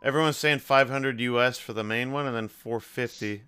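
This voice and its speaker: A man hosts a casual podcast with a bright, crisp voice. He talks loosely, cracks jokes and swears freely. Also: medium pitch, fairly even intonation, normal speed. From Canada. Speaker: podcast host.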